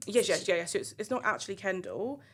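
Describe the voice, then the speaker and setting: A woman's voice: mid-range voice, expressive, fast, slightly rough. A woman chatting casually as a podcast panelist, trailing off and restarting her sentences. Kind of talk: casual chat.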